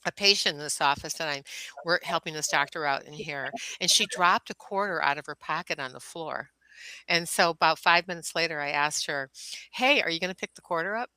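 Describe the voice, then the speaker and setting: A woman guest, an intuitive healer and doctor, telling lively stories in a casual interview, laughing often and acting out what people said. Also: deep voice, moderate pace, smooth, no room sound, rough recording. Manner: animated, laughs often, acts out quoted people.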